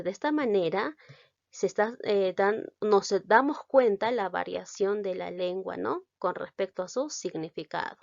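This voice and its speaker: Slow Peruvian woman teaching. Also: medium pitch, a little mellow, no room sound, dull audio. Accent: Peruvian Spanish. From Peru. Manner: slow, careful explaining with rhetorical checks to the listener. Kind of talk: recorded lesson.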